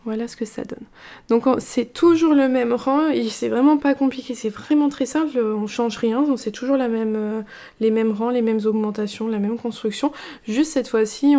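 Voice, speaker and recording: Relaxed chatty woman, mellow voice. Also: a little high. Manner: relaxed, chatty, many fillers and restarts. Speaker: knitting vlogger. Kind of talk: casual chat.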